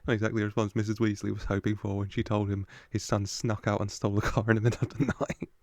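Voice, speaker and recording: A man's voice: on the low side, little pitch movement, quick pace, no room sound. A man giving casual film reaction commentary as host, chatty and amused.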